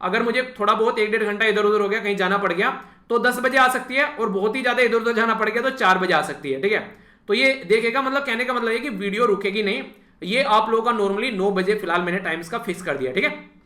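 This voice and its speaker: A man teaches an exam-prep lesson at a brisk pace. His voice sits high and sounds bright and forceful. The room around him echoes. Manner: repeats "thik hai" as a filler, addresses students directly. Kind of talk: casual spoken lecture.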